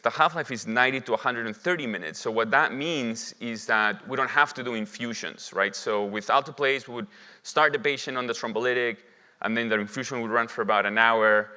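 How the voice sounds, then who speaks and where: This bright, mid-range male voice belongs to a Lima-born physician lecturing at a medical conference. He speaks inside a symposium hall whose reverberation produces a long echo.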